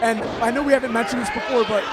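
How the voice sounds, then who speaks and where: A male wrestling commentator gives excited play-by-play in a very high-pitched voice. His calls are punchy and clipped, set against a roaring crowd and loud venue noise. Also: very fast. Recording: noisy crowded arena.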